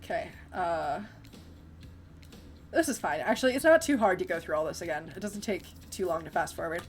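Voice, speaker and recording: A woman's voice: on the low side, expressive, brisk, a little hiss or hum. A young woman chatting casually through a game, reading its text aloud and laughing often. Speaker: gamer streamer. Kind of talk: casual let's-play commentary.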